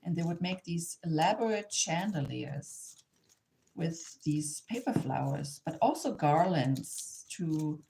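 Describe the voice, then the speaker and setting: A German woman with a German accent, a craft instructor and artist, gives an informal hands-on craft demonstration in English, her second language. She sometimes halts and repeats herself while searching for words. Her low, expressive voice is creaky, with background noise in the recording.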